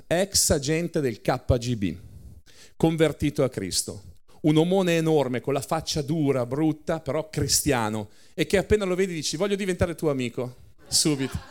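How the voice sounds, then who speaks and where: A man preaching a sermon, telling a story with lively acted-out quotes and short laughs between lines. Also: fairly high pitch.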